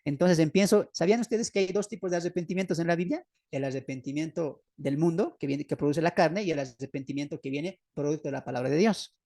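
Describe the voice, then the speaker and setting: Over a video call, a Bolivian Spanish-accented man leads an online Bible lesson in a rather high, dark-toned voice at a quick pace. He asks questions and supplies the answers himself, stressing key phrases by repeating them. The studio-quality recording has no room sound.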